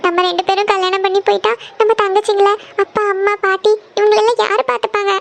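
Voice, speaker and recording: Brief: woman voicing young cartoon elder sister, crying, very high squeaky voice with a crackly fry, flat anxious delivery. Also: fast talker. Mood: tearful, worried. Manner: tearful, pleading, dwells on family hardship. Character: worried young woman, eldest sister of a struggling family. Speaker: elder sister who gives tuition lessons.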